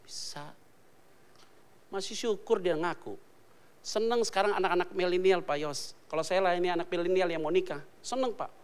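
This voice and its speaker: A man preaching a casual, joking sermon as pastor, talking in slang and swinging between hushed asides and loud exclamations. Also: high-pitched, normal speed, clear, resonant tone.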